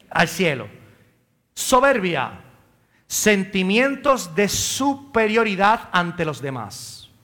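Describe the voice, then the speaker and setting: A high-voiced priest with a Caribbean Spanish accent delivers a sermon in church, his tone bright and forceful. He asks and answers his own questions and addresses people in the congregation by name.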